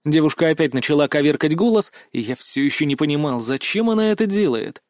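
A man narrating a first-person fantasy audiobook with steady, wry storytelling. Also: a little high, quick pace, no echo, studio quality.

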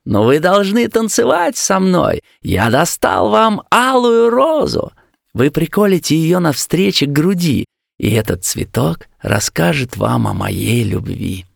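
A man's voice: fairly low pitch, lively intonation, unhurried, creaky, few pauses, breathy edge, no echo, studio quality, exaggerated voice. A man voicing a young lovesick male student in a storybook reading, exclaiming with earnest rapture. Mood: elated.

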